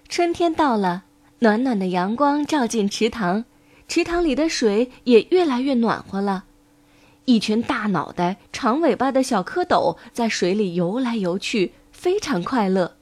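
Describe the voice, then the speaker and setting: High-voiced woman reading a children's story. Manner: gentle, expressive read-aloud.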